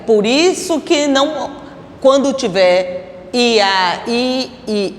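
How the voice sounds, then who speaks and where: A Brazilian woman teaches Spanish grammar at an unhurried pace. She explains each rule patiently and keeps asking her students questions. Her voice echoes around the room with a long reverb. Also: on the high side. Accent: Brazilian Portuguese. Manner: explains slowly, asks students rhetorical questions. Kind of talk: classroom grammar lesson.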